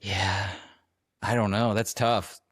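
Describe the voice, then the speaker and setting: A man's voice: lowish voice, little pitch movement, slow, fairly bright tone, no echo, studio quality. A man co-hosting a sports podcast in casual chat, laid-back and prone to restarts. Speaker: podcast co-host.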